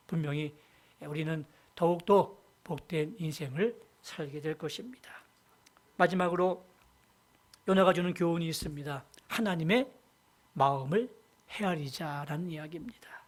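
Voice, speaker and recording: In a church sanctuary, a senior pastor with a mid-range voice delivers a Sunday sermon, retelling a Bible story while swinging between loud emphasis and hushed asides.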